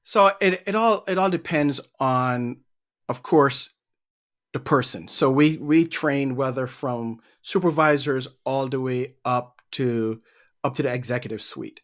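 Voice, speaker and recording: A middle-aged man from Barbados talks casually as a guest on a podcast. His pitch sits in the middle of the range for a man. He answers at a relaxed pace and often repeats a word or two while he gathers his thoughts. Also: a little slow. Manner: easygoing, repeats words while thinking. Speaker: guest, leadership trainer.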